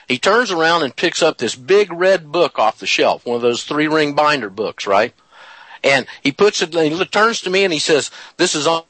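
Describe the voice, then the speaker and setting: A man's voice: on the high side, sharp tone, husky, no echo, poor audio. A man as an interview guest, telling a story in an emphatic, folksy way and drawing out his phrases. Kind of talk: animated storytelling in conversation.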